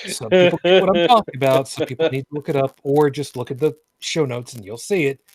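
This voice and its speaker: A man's voice: a little high, fast, a little mellow, no echo. A man hosting a live vlogcast, chatting casually with co-hosts, rambling with lots of fillers and restarts, often sarcastic. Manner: rambling, filler-heavy, repeats and restarts phrases. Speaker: main host.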